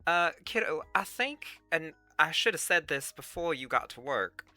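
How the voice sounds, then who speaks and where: In a casual livestream, a host responds to viewer comments using a fake Southern accent, a folksy Belle drawl full of sugary endearments. The medium-pitched voice is expressive, bright and forceful at normal speed, with no room sound and faint music in the background.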